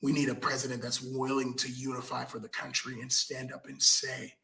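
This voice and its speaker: A man in his fifties making an impassioned personal statement to the public, slow, deliberate and earnest, with emphatic pauses. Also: medium pitch, monotone, creaky, bright, forceful tone, rough recording. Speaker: speaker addressing the public.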